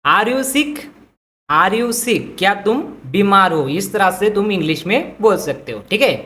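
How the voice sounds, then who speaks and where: A woman teaching English vocabulary who says each phrase slowly twice and then explains it in Hindi. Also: mid-range voice, animated, fairly bright tone. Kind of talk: vocabulary lesson.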